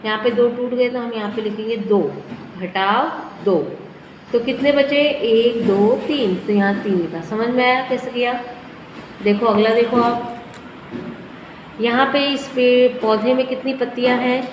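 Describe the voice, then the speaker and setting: A woman teacher, her voice pitched a little high, leads young children through simple sums. She counts aloud slowly and answers her own questions. The recording rings with a long hall echo over faint background noise. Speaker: primary school teacher. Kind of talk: teaching a first-grade maths lesson.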